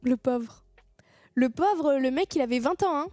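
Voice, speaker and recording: Young woman streamer, high voice, loose chatty delivery with swearing, dry close sound, faint music underneath. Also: expressive, a little slow, warm tone, no echo. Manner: chatty, swearing, thanking viewers. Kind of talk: casual live-stream chat.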